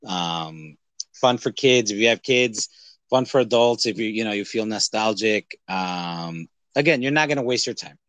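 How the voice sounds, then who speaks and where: A podcast co-host with a lowish voice rambles through casual movie talk, reacting in animated, exaggerated ways. The recording is close and dry, with no echo.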